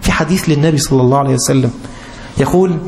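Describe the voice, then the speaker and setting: A man preaching a sermon in an Egyptian Arabic accent, pleading with young listeners and rising to high, emphatic appeals. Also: racing, darkish tone, slight background noise.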